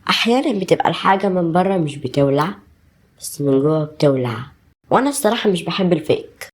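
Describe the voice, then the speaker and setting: Brief: a woman doing a defiant Egyptian young woman, low and fast. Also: expressive, lightly acted. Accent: Egyptian Arabic.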